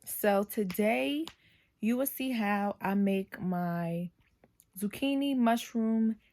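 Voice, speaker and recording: A woman's voice: medium pitch, warm tone. A young adult woman chatting casually to viewers while cooking in her home kitchen, folksy and talkative. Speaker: cooking vlogger.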